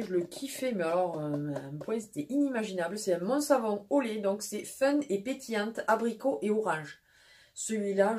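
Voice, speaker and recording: A woman with a southwestern French accent talks through a casual haul video. She rambles cheerfully, stops to search for words and picks her sentences back up. Her voice sits at an ordinary middle pitch. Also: dark tone. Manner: chatty and rambling, with frequent pauses and restarts. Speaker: vlogger and mother.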